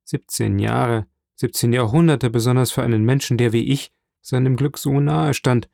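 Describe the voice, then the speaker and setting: A man's voice: mid-range voice, steady tone, moderate pace, gravelly, a little mellow, dry recording, clean studio sound, natural voice. A man voicing a young sailor held in prison, pleading with passion for a trial in an audiobook reading. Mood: desperate pleading. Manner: impassioned, imploring.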